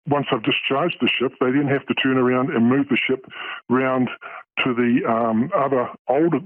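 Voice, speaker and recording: A middle-aged man, a port worker in a radio news interview, his voice disguised to hide his identity, speaking haltingly with many fillers and restarts. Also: mid-range voice, no room sound. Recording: tinny phone-like line.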